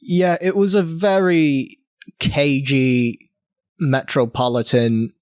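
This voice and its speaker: A young man from Hong Kong, a guest artist in a casual interview, talking haltingly with many fillers and restarts. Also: fairly high pitch, fairly even intonation, a little mellow, smooth, no echo, clean studio sound.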